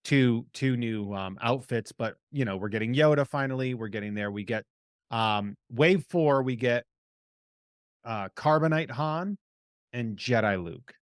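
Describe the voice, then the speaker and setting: Man, Boston accent, mid-pitched voice, informal halting explainer, casual podcast chat, dry sound. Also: no room sound. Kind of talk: casual chat about collectible toys.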